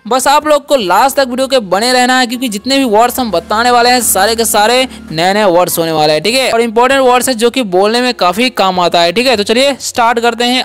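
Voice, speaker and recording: A man's voice: extremely high pitch, fairly bright tone, clear, resonant tone. A man teaching English pronunciation as a channel host, asking questions of his students and answering them himself. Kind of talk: classroom-style language lesson.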